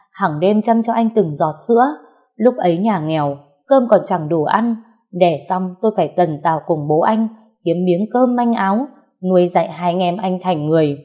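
A woman voicing an aggrieved older mother-in-law who wails and accuses in a shrill, self-pitying way in a storybook reading. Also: moderate pace, warm tone, lightly acted. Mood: wailing.

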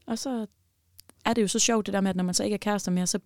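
A young woman telling a personal story as a podcast guest, animated and emotional, with many fillers. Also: medium pitch, dry recording, clean studio sound.

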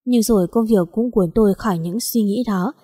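A woman narrates a story in the first person at a calm, even pace. Her voice is warm and mellow. The recording is dry and close. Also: mid-range voice, moderate pace, husky, no echo.

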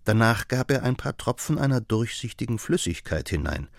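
A man narrating an audiobook in a measured storytelling manner. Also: mid-range voice, sing-song, dry recording, clean studio sound. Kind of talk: scripted narration.

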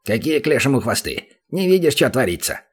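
A man's voice: medium pitch, big pitch swings, brisk, breathy edge. A man voicing a small, rude male goblin guild master who whines and pleads, in an audiobook. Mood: whiny, pleading.

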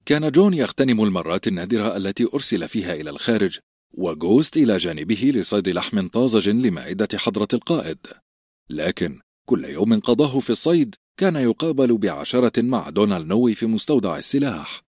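Male audiobook narrator, dry close recording, lively intonation. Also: on the low side, quick pace, slightly rough, no room sound. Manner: expressive storytelling. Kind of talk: scripted narration.

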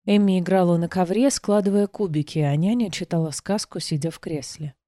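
A woman reading a first-person novel aloud as an audiobook, quiet and restrained, acting out the dialogue. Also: lowish voice, brisk, dry recording, clean studio sound. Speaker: audiobook narrator.

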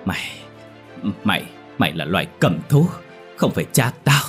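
A man's voice: low-pitched, normal speed, faint music behind, natural voice. A man voicing two terrified young women in a horror audio story, pleading and screaming. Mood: defiant.

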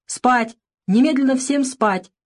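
A woman's voice: medium pitch, brisk, a little mellow, lightly acted. A woman voicing a spiteful female orphanage caretaker who shrieks and speaks with irritation and contempt. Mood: shrill.

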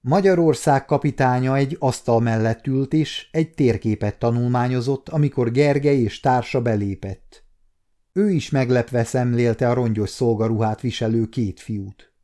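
A man in his fifties reading a historical novel aloud at a measured, even pace. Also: medium pitch. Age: 50s. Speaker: audiobook narrator. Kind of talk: audiobook narration.

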